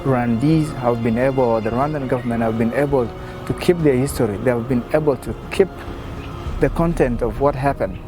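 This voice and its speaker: A man's voice: mid-range voice, moderate pace. A man from South Sudan speaking emphatically in an interview. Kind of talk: interview testimony. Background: music.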